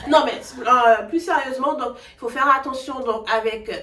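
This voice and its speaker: High-voiced Antillean woman, echoey room. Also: normal speed, bright, forceful tone. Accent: French Caribbean. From French Antilles. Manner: laughs often, many restarts. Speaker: talk show co-host. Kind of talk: casual advice chat. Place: living room, on a sofa. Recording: echoey room, mic far off.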